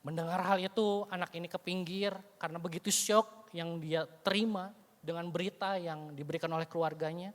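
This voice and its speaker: A man's voice: high-pitched, fairly even intonation, brisk. Male preacher in an echoing church. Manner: conversational, frequent "you know" tags, dramatic retelling. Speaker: evangelist preacher. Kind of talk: sermon storytelling. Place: church sanctuary. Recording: long church hall reverb.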